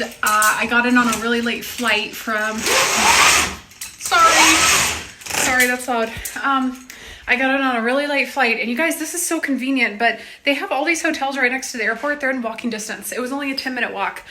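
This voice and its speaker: A woman's voice: on the high side, background noise. An exhausted young American woman talking to her phone camera in a rambling, chatty way, full of fillers and restarts, as she vlogs her travels. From United States. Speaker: travel vlogger. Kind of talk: casual travel vlog.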